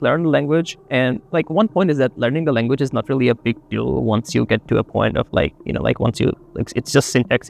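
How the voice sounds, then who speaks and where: A young adult college student from Bangladesh, with a gravelly mid-range voice, answers interview questions in a relaxed, rambling way full of fillers. There is slight background noise.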